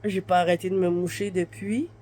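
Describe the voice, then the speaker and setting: Lying in bed in her bedroom, she talks in a low, flat, brisk voice with a dark tone, congested and stuffy from the flu. A Québécois vlogger in her thirties, she rambles casually and fills her speech with fillers.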